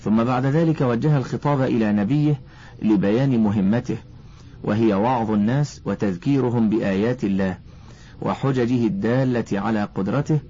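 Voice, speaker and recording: Man, audiobook narrator, formal measured reading, lowish mellow voice, muffled lo-fi recording. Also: husky. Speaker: audiobook reader.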